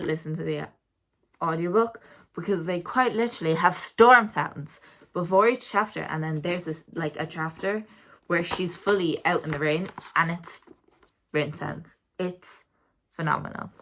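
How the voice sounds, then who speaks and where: Chatty young woman, low voice. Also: background noise. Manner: chatty, rambling, corrects herself mid-sentence. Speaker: book vlogger. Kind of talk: casual reading wrap-up chat.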